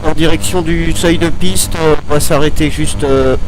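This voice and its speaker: Man narrating a flight over clear engine noise. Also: on the high side, steady tone, normal speed. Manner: hesitant, step-by-step narration. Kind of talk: casual flight commentary.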